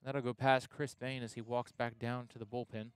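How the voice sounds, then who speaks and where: A young man calling a college baseball game play-by-play, chatty and loose, getting excited on big plays, with the hiccups. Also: medium pitch, normal speed, clean tone, no room sound. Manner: conversational, excited on big plays, self-correcting. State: has the hiccups. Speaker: play-by-play announcer.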